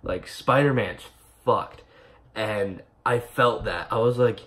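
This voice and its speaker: A young man giving a casual, rambling movie review to camera, excited and swearing often with lots of fillers. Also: lowish voice, slow.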